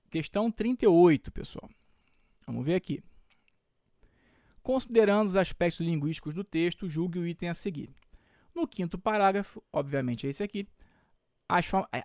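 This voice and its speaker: A man's voice: a little high, darkish tone, dry recording, clean studio sound. A Brazilian man teaching Portuguese for exams, explaining step by step and often checking in with his students. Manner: explains step by step with frequent check-ins like "tá?" and "tudo bem?". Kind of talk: exam-prep video lesson.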